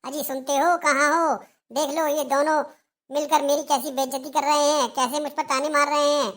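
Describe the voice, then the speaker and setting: A melodramatic older mother-in-law who taunts and wails, as a woman voices her for a cartoon. The voice sits a little high and talks in a scolding, complaining sing-song. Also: moderate pace, a bit bright. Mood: wailing. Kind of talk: Hindi cartoon dialogue.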